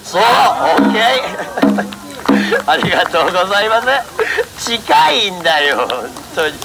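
Amid noisy festival sounds and background music, a man with a high, gravelly voice works a crowd at an outdoor autumn festival. His pitch swings widely at a moderate pace as he playfully scolds and coaxes his performing monkey and speaks courteously to onlookers.

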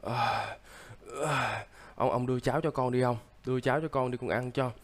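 A man's voice: medium pitch, fairly even intonation, moderate pace, close to an everyday voice. A man voicing a sick young man who acts as a stern, lecturing big brother, coughing now and then, in casual game role-play. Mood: weak.

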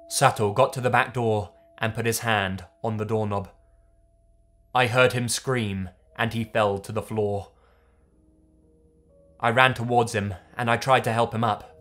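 A man's voice: lowish voice, a bit bright. A man reading a horror story aloud in the first person, tense and dramatic. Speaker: narrator. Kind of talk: scripted horror story narration.

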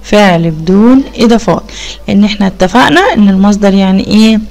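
A woman with an Egyptian Arabic accent explains an English lesson for primary pupils, patiently asking questions, praising answers and repeating English words slowly. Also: medium pitch, darkish tone. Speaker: English teacher.

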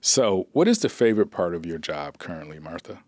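Deep-voiced man interviewing, encouraging. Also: sing-song, brisk, darkish tone, dry recording. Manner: affirming, encouraging, frequent mm-hmms. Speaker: interviewer, district chief. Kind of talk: casual interview. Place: small studio with plants. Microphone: podcast mic on boom arm.

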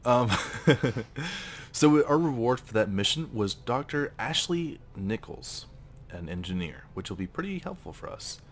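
A man's voice: mid-range voice, sing-song, unhurried, slight background noise. A man hosting a let's play, giving chatty, enthusiastic commentary on the game. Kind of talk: casual gameplay commentary.

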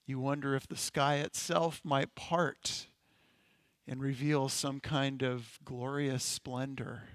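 A male pastor leading a congregation through a slow, gentle guided-imagery meditation in a sermon. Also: medium pitch, level tone, no echo. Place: church sanctuary.

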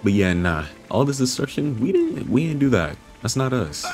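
With faint music behind him, a young man in a mid-range, slightly mellow voice talks at a moderate pace in a sing-song way. He's a gaming video creator casually commentating a playthrough, muttering to himself and cursing freely.

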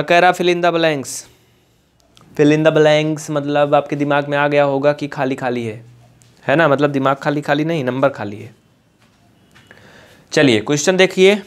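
A man from India teaching an online maths lesson, chatty and coaxing, repeating points slowly and mixing in English textbook terms. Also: a little high, clean tone.

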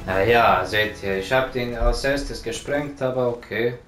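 Gunfire and game music play loudly behind a let's play gamer whose mid-range voice moves at an unhurried pace. His commentary is casual, full of swearing and repeated words urging the game on.

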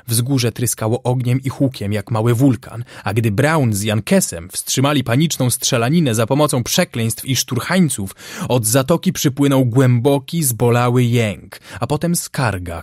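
A man narrating an audiobook in a measured, dramatic way, close to the mic. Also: medium pitch, a little mellow, no echo. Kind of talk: scripted narration.

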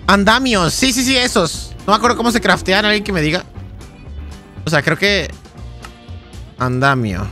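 A man's voice: high voice, animated, normal speed, pauses often, bright, forceful tone, soft background music. A young man with a Mexican Spanish accent, casually thinking aloud and chatting while streaming a game. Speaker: gaming streamer. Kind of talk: casual live-stream commentary.

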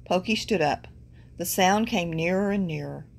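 A woman reading a children's book aloud, expressively, pausing to point out the pictures. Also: lowish voice, creaky. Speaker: storybook reader.

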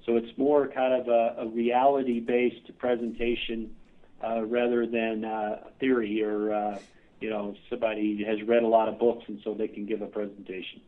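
A man's voice: fairly low pitch, level tone, moderate pace. Man, Midwestern American accent, tinny phone sound, thoughtful, hesitant delivery. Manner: earnest, many filler uhs. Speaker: clinic CEO guest. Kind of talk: podcast interview answers.

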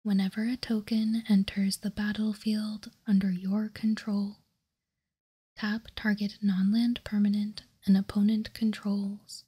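Leaning close to the mic, a woman who runs a card game ASMR channel talks through the cards one at a time in a breathy, unvoiced whisper. Her mid-range voice stays hushed, calm and deliberate.

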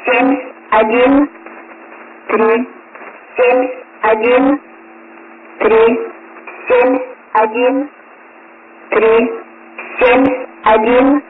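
A woman reading out strings of numbers in a flat, mechanical numbers station monotone, heard over shortwave radio. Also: high-pitched, drawn-out words, pauses often, phone-quality sound, noisy background. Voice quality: flat, mechanical, evenly spaced delivery. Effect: numbers station monotone readout. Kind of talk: repetitive number callout broadcast. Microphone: received over shortwave radio.

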